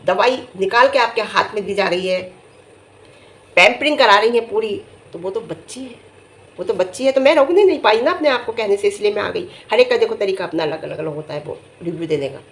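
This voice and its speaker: A woman's voice: lively intonation, fairly quick. Indignant middle-aged woman vlogger. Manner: emphatic, scolding, pitch jumps high when indignant. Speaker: vlogger reviewing family vlogs. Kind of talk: casual talking-head commentary.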